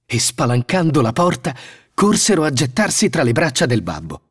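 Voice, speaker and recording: A man narrating a fairy tale in a scripted, expressive storytelling manner. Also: on the high side, moderate pace, slightly rough.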